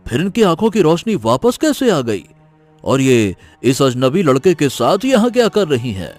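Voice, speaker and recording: A man's voice: on the high side, big pitch swings, moderate pace, darkish tone, soft background music. An actor playing a stern middle-aged village headman who speaks with commanding authority. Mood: surprised. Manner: commanding, pronounces judgment.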